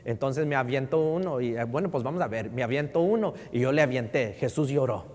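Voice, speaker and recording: A man's voice: mid-range voice, a little fast. Man preaching with a long hall reverb. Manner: switches between Spanish and English, keeps asking "right?"; swings from loud emphasis to near-murmur. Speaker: pastor. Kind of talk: sermon. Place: church sanctuary.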